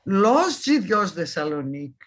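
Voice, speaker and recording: This guest historian, a Thessaloniki woman in her seventies, talks slowly in a lowish, sing-song voice. She carries a Salonica Judeo-Spanish accent and keeps pressing her points, frequently starting sentences over. The setting is a relaxed, conversational interview, recorded in Thessaloniki, Greece.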